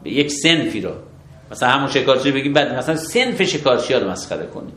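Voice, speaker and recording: Methodical male scholar with a lively voice. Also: mid-range voice, roomy sound. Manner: measured, methodical, affirms with short approvals. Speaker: religious law scholar. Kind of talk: explanatory interview answers.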